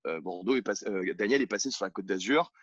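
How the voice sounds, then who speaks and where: A man's voice: lowish voice, lively intonation, fast, a bit bright, breathy edge, dry recording. Blunt male coach from France, emphatic and outspoken, dry and slightly dull home recording. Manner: blunt, emphatic, many restarts and fillers. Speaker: CrossFit coach and gym owner. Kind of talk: outspoken interview talk. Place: at home on his sofa. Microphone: own camera.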